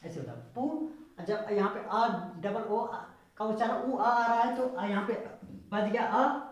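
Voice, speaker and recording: A woman with a fairly high voice gives a spoken English lesson, going slowly and spelling each word out letter by letter. She keeps asking whether the viewer has got it. Her voice rings in a very echoey room. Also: expressive. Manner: slow, repetitive, spelling words out letter by letter; asks the viewer questions to check understanding. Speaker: English pronunciation teacher.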